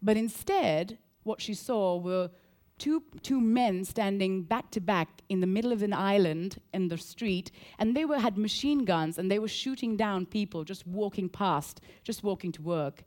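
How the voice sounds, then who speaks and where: A woman from Sri Lanka preaching a sermon, earnest and animated, repeating key phrases and telling a story. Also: medium pitch, a little slow.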